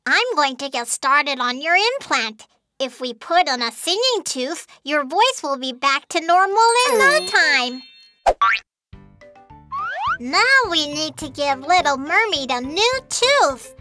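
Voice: sits high, full character voice. A performer voicing a cheerful young baby shark dentist in a preschool cartoon, speaking simply and reassuringly. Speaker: cartoon doctor character. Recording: music under the voice.

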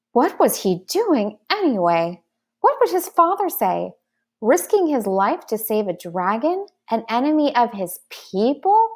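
A woman reads a children's book aloud at an unhurried pace. Her voice sits in a middle register, and she tells the story in a careful way. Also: medium pitch. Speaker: narrator.

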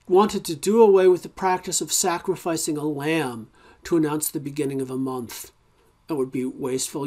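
A man teaching a recorded college ethics lecture in a conversational way, with many fillers and restarts and wry, informal asides. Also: medium pitch.

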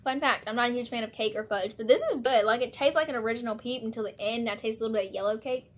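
A woman's voice: on the high side, steady tone, rapid-fire. A young woman taste-testing candy in a casual vlog, bubbly, exclaiming and laughing often. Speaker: vlogger.

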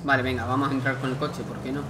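A man's voice: medium pitch, level tone, very fast, background noise. A man who chats and thinks aloud while playing a game, reading game text aloud as he goes. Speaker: gameplay commentator. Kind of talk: let's play commentary.

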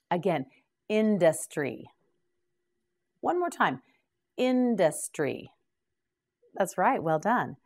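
A woman teaching English vocabulary, saying each word slowly and patiently prompting the learner to repeat it. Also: on the low side, a little mellow. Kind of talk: slow drilled word repetition.

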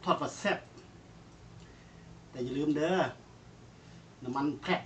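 A man's voice: on the high side, unhurried, slight background noise. A man with an Isan Thai accent talks casually to his viewers while grilling over charcoal, calling them brothers and sisters. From Northeast Thailand. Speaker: cooking vlogger. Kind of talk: casual cooking vlog talk.

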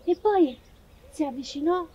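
A woman's voice: high-pitched, measured pace, warm tone, lo-fi sound, a little hiss or hum. An actress playing a young painter who hesitantly remembers her past. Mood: nostalgic. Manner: hesitant, reminiscing. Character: young woman painter, dreamy and nostalgic. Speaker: actress in a short film. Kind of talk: amateur theatre acting.

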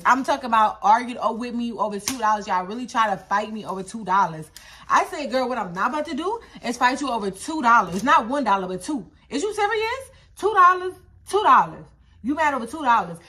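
A young woman, telling a story in a casual vlog, animated and repeating phrases in incredulous high-pitched bursts. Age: young adult. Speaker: vlogger.

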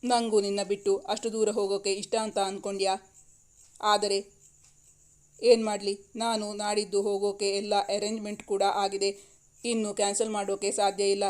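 A woman's voice: medium pitch, level tone, moderate pace, darkish tone, lightly acted. A woman voicing a tender, reassuring young man in a read-aloud romance story, speaking evenly. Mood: soothing.

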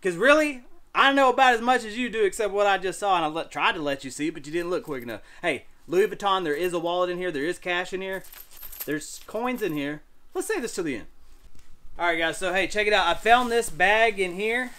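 A man in his thirties with a Texan accent, chatting excitedly to camera as he shows off storage unit finds, saying "y'all" and "look" a lot. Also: high voice, brisk. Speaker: storage unit reseller vlogger. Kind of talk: casual chat to camera. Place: home room, then cluttered garage indoors.

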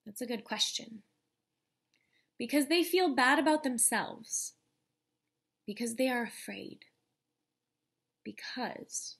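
A young adult woman, a teacher, reads a children's picture book aloud to young listeners, deliberate and expressive. Her voice sits on the high side, husky with vocal fry.

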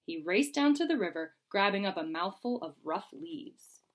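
A woman teacher reading a children's picture book aloud with an expressive, lively delivery. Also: medium pitch, moderate pace. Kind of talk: storybook read-aloud.

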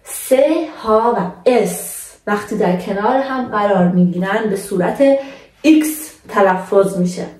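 A young woman teaching a language lesson in a patient, casual way, slowing down to model words for her viewers. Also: mid-range voice, a little mellow, roomy sound, far from the mic.

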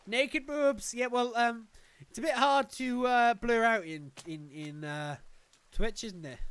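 Streaming a survival game from a small home room on a headset mic, this young Welsh man jokes excitedly with his chat and at the game itself. His Welsh-accented voice is very high-pitched, clear and resonant.

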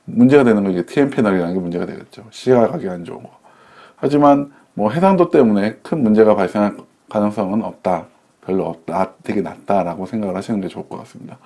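Mellow-voiced man reviewing laptops. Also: lowish voice, lively intonation, fast talker. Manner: chatty, self-correcting explanations with simple analogies. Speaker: tech reviewer. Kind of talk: casual product review.

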